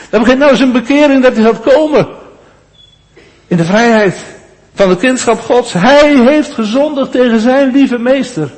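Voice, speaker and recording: A man preaching a sermon, repeating his phrases and swinging between hushed, low passages and raised, emphatic ones. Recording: long church reverb.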